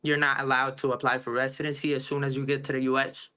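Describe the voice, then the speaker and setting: Bright-voiced man. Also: medium pitch, flat delivery, fast, smooth. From Cuba. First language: Spanish. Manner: earnest, explains at length with restarts. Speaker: video chat stranger. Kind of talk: casual political debate.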